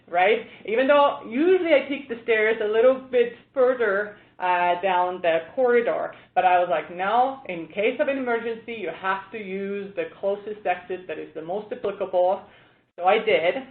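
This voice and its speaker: Chatty woman presenter over a phone line. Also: medium pitch. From Estonia. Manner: chatty, storytelling with fillers. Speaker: presenter, biocompatibility expert. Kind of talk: conversational presentation. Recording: tinny phone line, echoey room.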